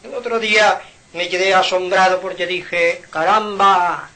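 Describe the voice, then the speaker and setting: A man from Mallorca, giving an informal spiritual talk at home in an animated, preaching manner with rhetorical questions and sudden loud outbursts. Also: high-pitched, normal speed, poor audio. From Mallorca, Spain. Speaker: spiritual speaker.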